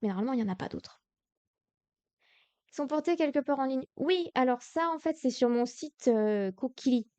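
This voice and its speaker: A woman's voice: high-pitched, expressive, normal speed, mellow, dry recording. Tired French woman teaching grammar. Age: young adult. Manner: tired, patient explaining with many ums and restarts. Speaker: Korean language teacher streaming live. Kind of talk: live-stream grammar lesson.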